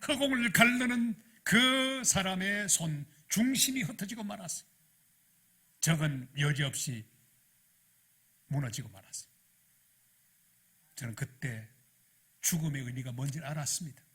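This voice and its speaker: A middle-aged man preaches a sermon, telling his story with lively, animated delivery that swells into loud emphasis. His voice is husky and bright, sitting a little high for a man. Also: a little slow, pauses often. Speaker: pastor.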